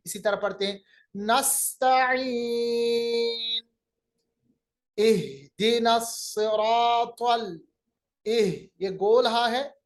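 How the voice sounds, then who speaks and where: A man teaching Quranic recitation in a recorded lecture, explaining each sound step by step and demonstrating it slowly. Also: high-pitched.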